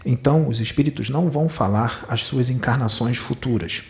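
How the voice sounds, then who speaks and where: His mid-range voice is gravelly and a little fast, with a bit of hiss or hum in the audio. He is a Brazilian spiritual medium with a Rio de Janeiro Portuguese accent, forcefully preaching a channeled teaching full of rhetorical questions.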